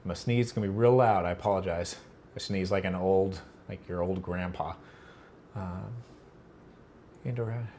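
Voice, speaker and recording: This livestream host has a deep, darkish voice with a steady tone, normal speed and frequent pauses, over a slight hiss or hum. Fighting allergies and close to sneezing, he answers chat in a rambling way, leaning on fillers and correcting himself.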